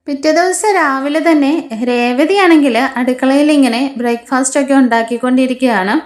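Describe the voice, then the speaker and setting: A woman's voice: high-pitched, a little mellow, roomy sound. A Malayali woman from Kerala casually retelling a TV serial episode, voicing each character's lines in quotes. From Kerala, India. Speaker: serial story reviewer.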